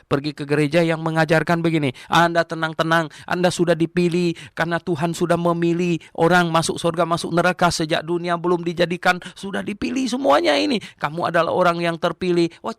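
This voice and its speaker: An older man delivers a Bible teaching sermon with gravelly warmth. He hammers on repeated phrases and drops in small chuckles. The sound is close and dry. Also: a little high, no room sound. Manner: emphatic, animated, repeats key phrases; chuckles between points. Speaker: pastor.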